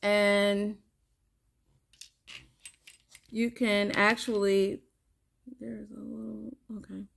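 Lady doing a casual crochet how-to, takes it real slow, counts out the steps, normal pitch. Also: little pitch movement, gravelly. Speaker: crochet tutorial host. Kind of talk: casual step-by-step craft instruction.

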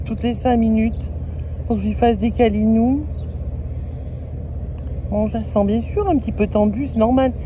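A French woman with a slightly high, mellow voice, chatting into her phone at a camper stop. She talks easily and fondly, turning aside to coo at her cat. A faint outdoor hum sits behind her. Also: highs cut off. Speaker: vlogger on a road trip. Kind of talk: casual vlog chat. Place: outdoors at a camper van area.

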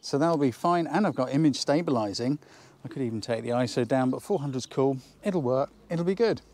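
An expressive photography tutor with a mid-range, darkish voice speaks a little fast. In this instructional outdoor vlog, he teaches an eager, chatty lesson on a countryside hillside, thinking aloud along the way.

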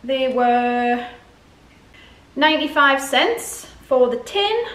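Her voice sits high and is a bit bright, with lively intonation, though she takes it slowly. In her forties, she chats casually to camera while showing a grocery haul in her home dining room, often questioning herself aloud, and the echoey room carries clear background noise.

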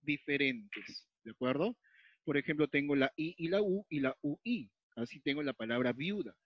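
At a whiteboard or tablet, a Peruvian man writes while teaching grammar step by step, repeating key points and often asking whether the class is following. His voice is on the high side, expressive and breathy-edged at normal speed. The recording is dull, lo-fi and dry, with no room sound.

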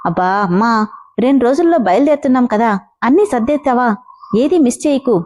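A woman's voice: fairly high pitch, animated, fairly quick, darkish tone. Woman voicing a bubbly teenage girl. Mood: excited. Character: cheerful teenage girl, youngest daughter.

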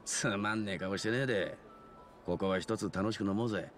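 Very deep, rough-talking sidekick played by a man. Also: fairly quick, fairly bright tone, soft background music, close to an everyday voice. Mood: teasing, jovial. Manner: rough, frank, chiding. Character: easygoing, scolding middle-aged male sidekick. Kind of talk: video game drama acting.

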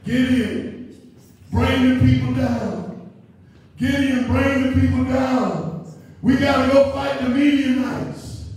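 A male pastor preaching into a handheld mic in a small church, rising into sung, shouted phrases as he builds. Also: very high voice, steady tone, takes it slowly. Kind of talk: sermon. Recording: roomy echo, camera at a distance.

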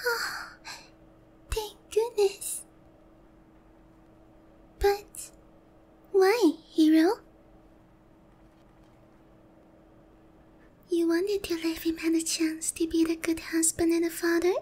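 A woman performs a demon queen for roleplay ASMR in a very high, girlish voice that's steady and a little mellow. She talks slowly and theatrically, often slipping into breathy near-whispers, her haughty, teasing pride hiding a lonely heart easily flustered. In this moment she seems touched and hopeful.

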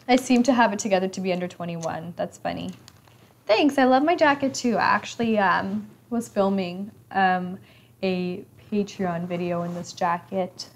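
A woman in her mid-twenties runs a casual live stream from an indoor room with a leather couch, her medium-pitched voice a bit raspy today. Moving at a moderate pace, she chats and teases viewers while reading their comments, laughing lightly and often.

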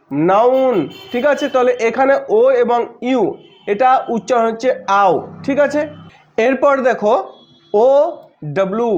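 A man teaching an English phonics lesson, spelling out letters and repeating each example word slowly, often checking in with the class. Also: extremely high pitch. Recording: dull lo-fi audio.

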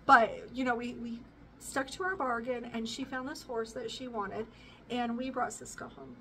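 A woman's voice: a little high, fairly even intonation, normal speed, creaky, a bit bright, a little hiss or hum. Chatty woman talking from a distance. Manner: rambling, chatty, with fillers and laughs. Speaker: homestead vlogger. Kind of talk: casual talk to camera. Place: living room with bookshelves, indoors. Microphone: camera at a distance.

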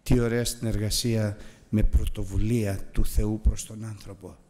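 Male preacher mid-sermon, impassioned delivery that drops to near-whispered prayer. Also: flat delivery. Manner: impassioned preaching, swinging from loud high exclamations to hushed prayer.

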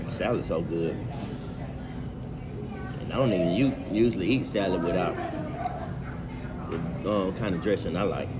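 Man chewing while talking, loud music behind. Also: deep voice, normal speed, long pauses. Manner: relaxed, laid-back slangy talk. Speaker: food review host. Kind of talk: casual food review vlog.

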